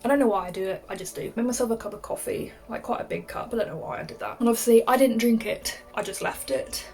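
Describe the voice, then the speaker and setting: A woman's voice: fairly high pitch, quick pace. A young woman, telling a story to camera in a chatty way, saying "like" a lot and laughing often. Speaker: vlogger.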